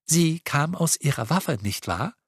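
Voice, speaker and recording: A dreamy teenage boy speaks with courtly, flowery politeness, eager to please, in a voice raised well above a man's usual, as a male reader puts him on. The delivery is lively and swooping, recorded close and dry with no room sound at all. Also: a little high, a little slow, breathy edge, no room sound, voice pushed up.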